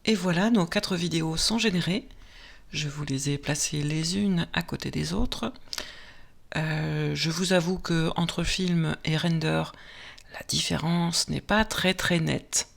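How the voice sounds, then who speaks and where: Gravelly-voiced woman explaining a tutorial. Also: deep voice. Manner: hesitant, many filler pauses; patient step-by-step explaining. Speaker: software tutorial host. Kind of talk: screen-recorded tutorial narration.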